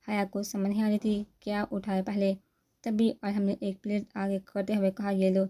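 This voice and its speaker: A woman reading a romantic novel aloud in steady, unhurried narration. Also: mid-range voice. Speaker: novel reader.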